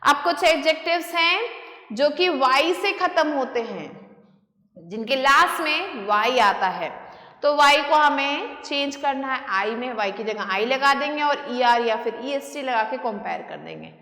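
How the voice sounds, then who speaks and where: A woman teaching a grammar lesson, with a high voice and a slow, patient delivery. She stretches out the English example sentences as she reads them. The room around her is echoey and rings with a long reverb. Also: animated, sharp tone. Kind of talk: grammar lesson explaining and reading exercises.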